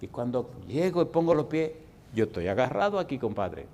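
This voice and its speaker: A man's voice: medium pitch, sing-song, a little fast, a little hiss or hum. Fervent Dominican pastor in his sixties. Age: 60s. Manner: fervent, folksy, swings from loud preaching to hushed telling. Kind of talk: sermon with personal storytelling.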